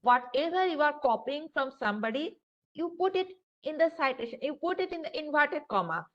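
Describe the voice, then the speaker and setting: A high-pitched woman with an Indian English accent lectures a class in an easy, conversational way, filling pauses with "uh" and "you know" and speaking straight to the students in front of her. The recording is dull and lo-fi, as if picked up by a room microphone in a classroom. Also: lively intonation. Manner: conversational, frequent fillers, addresses students directly. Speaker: university lecturer.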